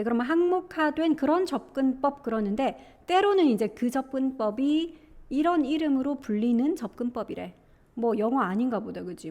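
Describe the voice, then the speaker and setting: A woman's voice: a little high, a little mellow. A young Korean woman teaching an English exam passage in a chatty lecture, often asking her students rhetorical questions.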